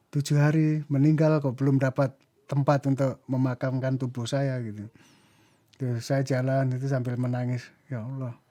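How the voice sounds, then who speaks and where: Brief: male interview guest, mellow and reflective, acts out quotes within his story. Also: mid-range voice. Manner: reflective, mixing in English phrases, acting out dialogue. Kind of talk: recounting a personal story in conversation.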